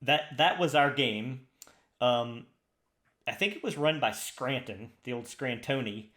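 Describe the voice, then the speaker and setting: A man's voice: mid-range voice, a little slow, sharp tone. A man co-hosting a podcast, chatting casually and enthusiastically, rambling with frequent restarts. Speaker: podcast co-host. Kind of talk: casual chat. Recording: roomy echo.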